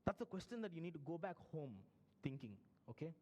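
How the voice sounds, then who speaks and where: A male pastor with a Telugu-tinged Indian English accent preaches a live sermon. His voice sits high and swings widely as he fires questions at the congregation and acts out voices. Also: lively intonation, fast talker, darkish tone.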